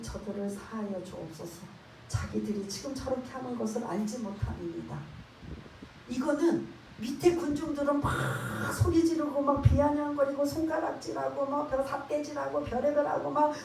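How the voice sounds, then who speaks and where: A woman's voice: high voice, darkish tone, slight background noise. Emphatic woman pastor in an echoey church. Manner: emphatic, questioning the congregation. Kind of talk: sermon. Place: church sanctuary. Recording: echoey church hall, distant mic.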